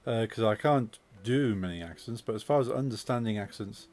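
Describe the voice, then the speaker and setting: A man with a Midlands English accent, chatting casually as a game streamer and speaking with deliberately clear, precise diction. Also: on the low side, darkish tone. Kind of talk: casual chat while gaming.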